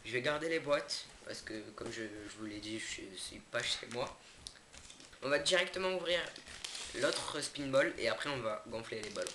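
A man's voice: medium pitch, moderate pace, sharp tone. A young man casually unboxing products for his channel, hesitant with many fillers and self-corrections, indoors away from home. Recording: echoey room, noisy background. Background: crinkling packaging and clicks.

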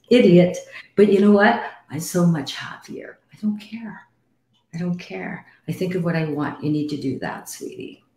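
A woman's voice: low voice, a little mellow. A woman in her fifties, a medium hosting a live stream, talking bluntly with swearing and calling her guest sweetie. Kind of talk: casual live-stream chat. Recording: roomy echo.

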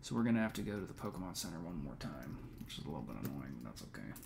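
A man's voice: low voice, very animated, racing, gravelly, a little mellow, slight background noise. A man in his twenties giving casual, rambling gameplay commentary on a live stream, full of "um" and easygoing slang. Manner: rambling, laid-back, frequent "um" and slang like "dude" and "man". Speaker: let's play streamer.

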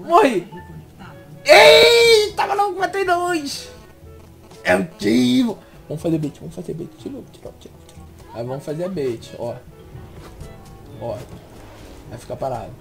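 A young man gives gameplay commentary. He is excitable and swings from muttering to shouted outbursts. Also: a little high, gravelly. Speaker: gaming video host.

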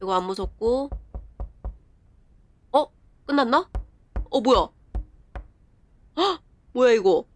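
A woman with a slightly high voice gives running commentary on a horror game during a live stream. She translates the on-screen text aloud as she goes. When something startles her, she fires off the same short exclamation several times in a row. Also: expressive. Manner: bursts of rapid repeated exclamations.

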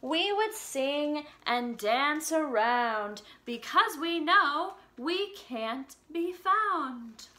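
A young adult woman with a high, pushed and bright voice and lively intonation reads very slowly, with few pauses. She is teaching small children, reading a picture book aloud expressively with simple questions and exaggerated emphasis. The room at home has an upright piano.

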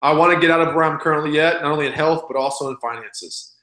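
A man in his thirties giving a recorded webinar pitch, blunt and folksy, urging listeners to go for it. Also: fast talker, a bit bright, roomy sound. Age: 30s. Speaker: presenter.

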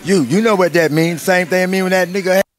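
A man, loud and profane, taunting in a sing-song way during a street interview. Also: sits high, steady tone, fast, music in the background. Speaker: passerby being interviewed.

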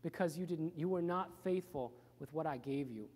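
A preacher voicing a stern, solemn master. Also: male voice, moderate pace, close to an everyday voice. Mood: condemning. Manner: low, quiet, solemn pronouncement. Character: stern male master judging his servants. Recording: reverberant church hall.

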